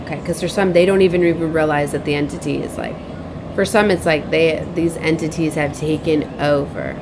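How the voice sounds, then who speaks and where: Deep-voiced and fairly even in intonation, a woman speaks fairly quickly over a noisy background as host of a rambling spiritual vlog. She's a tarot reader and spiritual advisor who repeats herself, keeps seeking agreement through tag questions, and acts out remembered bits of dialogue.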